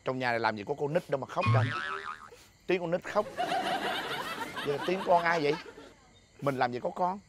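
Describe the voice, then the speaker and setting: A man with a Southern Vietnamese accent in a comedy sketch, playing an excitable husband who stammers and protests. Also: on the high side, moderate pace, long pauses, very noisy. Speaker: comic actor playing a drinking husband.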